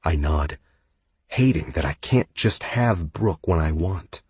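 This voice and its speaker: A man narrating a first-person romance audiobook in a measured storytelling way, on a close microphone. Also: sits low, lively intonation, a little mellow, husky, no room sound.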